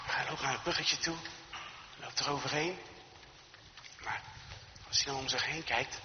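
A man's voice: fairly high pitch, pushed and bright, slight background noise. A man telling a Christmas story off the cuff, often repeating words as he goes. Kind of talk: improvised storytelling. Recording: echoey hall, dull lo-fi recording.

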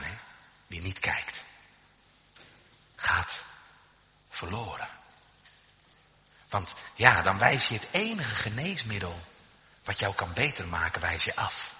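A man preaching a sermon in a church, emphatic and swinging from hushed lines to loud calls, in a reverberant, dull recording. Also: sits low. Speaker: pastor.

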